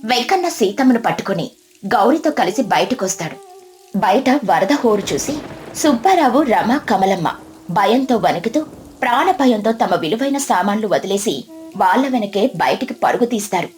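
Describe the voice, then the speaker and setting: A woman narrating a scripted moral story in a steady, expressive reading voice. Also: mid-range voice, moderate pace, soft background music.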